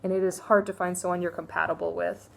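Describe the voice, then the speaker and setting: A woman's voice: on the low side, level tone, fast, gravelly. Chatty young woman reviewing books. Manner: chatty, candid, many fillers and asides. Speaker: book reviewer. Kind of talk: casual book review vlog.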